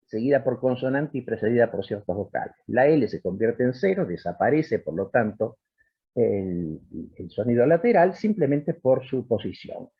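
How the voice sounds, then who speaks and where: Husky lecturer, lively pitch. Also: male voice, normal speed, muffled recording. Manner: explanatory, stops to sound out example words. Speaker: linguistics lecturer. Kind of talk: academic lecture.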